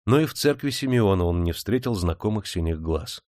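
A man narrating an audiobook, reading expressively and lifting his voice for lively dialogue. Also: a little fast, no room sound, clean studio sound. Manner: animated, raises pitch for excited dialogue.

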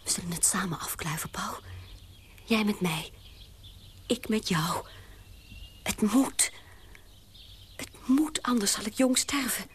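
A woman playing a restless young woman in a radio play, speaking haltingly and often in a breathy whisper. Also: mid-range voice, a little hiss or hum. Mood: feverish.

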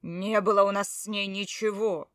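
Woman voicing a gruff, insistent husband. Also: fairly low pitch, steady tone, a little slow, no echo, clean studio sound, lightly acted. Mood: growling. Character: stubborn grown man, pleading husband.

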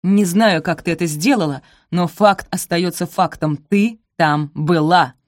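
Audiobook villain: icy, scornful middle-aged stepmother voiced by a woman, low and commanding, dry studio sound. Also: a little slow, dry recording, lightly acted. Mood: cold, scornful. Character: cold, cruel middle-aged stepmother, hissing and contemptuous.

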